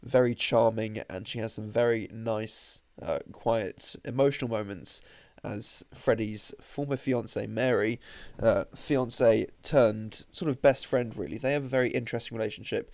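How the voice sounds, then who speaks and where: A man's voice: lowish voice, moderate pace, vocal fry, darkish tone, no room sound. A young man with a slightly nasal voice from allergies, giving a chatty, enthusiastic podcast-style film review into his own microphone, with frequent fillers. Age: young adult. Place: indoors at a holiday stay.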